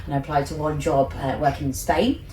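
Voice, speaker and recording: A woman's voice: deep voice, fairly even intonation, fairly quick, mellow. An English woman in her thirties chatting in an upbeat, chatty way as a cruise director being interviewed. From England. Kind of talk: casual interview chat. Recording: roomy, distant mic, faint background noise.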